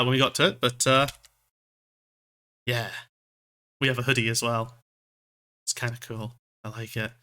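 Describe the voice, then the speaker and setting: Hosting a livestream as a VTuber, a man from Scotland chats casually, rambling and putting himself down, with some swearing thrown in. His mid-range voice sounds pushed and bright.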